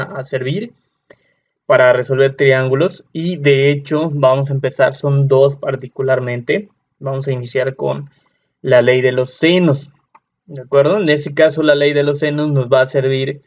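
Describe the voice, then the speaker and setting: A man's voice: mid-range voice, a little mellow. A man, teaching a math lesson patiently, often repeating and correcting himself. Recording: dull lo-fi sound.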